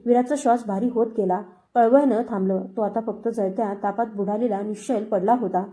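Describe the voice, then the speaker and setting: A woman's voice: medium pitch, steady tone, a little fast, warm tone. A woman narrating a story in the first person with an emotional, dramatic reading.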